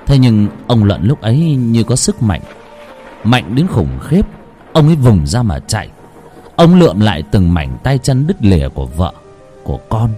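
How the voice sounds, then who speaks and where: A man narrating a ghost story in a dramatic, hushed storytelling manner. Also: fairly low pitch, very animated, moderate pace, faint music behind.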